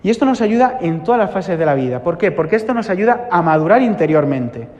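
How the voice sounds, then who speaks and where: A man preaches in an earnest, repetitive style, with a fairly high voice for a man. His voice rings with long reverb in a church. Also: very animated, fairly quick, darkish tone, dull audio. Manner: earnest, repeats phrases for emphasis. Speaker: priest. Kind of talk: sermon.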